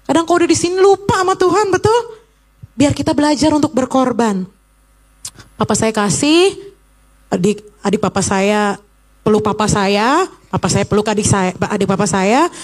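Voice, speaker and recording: High-voiced lively woman preacher. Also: normal speed. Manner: lively, acts out quoted voices, asks the congregation questions. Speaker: evangelist preacher. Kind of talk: sermon. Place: church.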